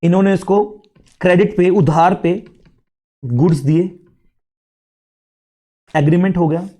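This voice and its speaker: A man with an Indian accent giving a casual classroom lecture, chatty and mixing English terms in, a bit unwell and low on energy. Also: slow pace, dark tone. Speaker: teacher.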